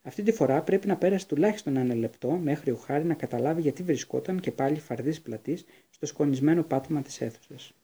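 A man reading a fantasy novel aloud as an audiobook narrator, with steady storytelling. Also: a little high, few pauses, slightly rough.

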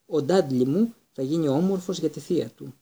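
A man's voice: fairly high pitch, gravelly, warm tone, breathy edge. A man reading an audiobook voices a fussy middle-aged aunt who coos over her son. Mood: doting.

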